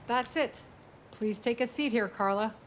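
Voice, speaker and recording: Woman acting a higher-voiced, composed female medic. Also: a little slow, a little hiss or hum, lightly acted. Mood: businesslike. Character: calm, caring woman giving medical treatment. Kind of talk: video game voice acting.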